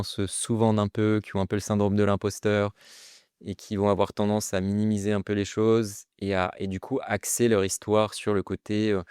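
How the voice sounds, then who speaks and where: Smooth-voiced French man, hesitant. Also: on the low side, darkish tone, no echo, clean studio sound. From France. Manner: hesitant, many fillers and restarts. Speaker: guest entrepreneur. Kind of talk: casual interview talk.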